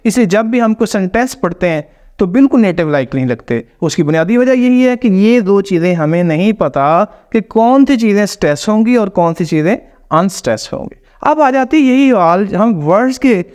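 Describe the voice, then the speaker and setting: High-voiced man teaching pronunciation. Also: a little mellow. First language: Hindi or Urdu. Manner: explains step by step, demonstrating stressed words slowly. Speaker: English teacher. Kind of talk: pronunciation lesson.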